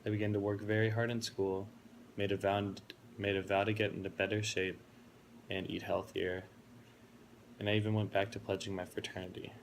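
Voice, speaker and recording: A college student in his twenties from Florida gives a prepared speech about himself, sounding earnest and reflective. His deep, gravelly voice moves at a moderate pace along a narrow, even melody, with a faint hiss underneath.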